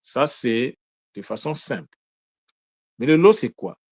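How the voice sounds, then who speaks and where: A man of middle pitch teaches in a deliberate, explaining way, putting questions to his listeners and then answering them. He stops to correct himself now and then. The sound is dry and close. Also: very animated, a little mellow, no echo. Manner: corrects himself mid-sentence. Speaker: teacher of Kikongo word meanings. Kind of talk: explanatory lesson talk.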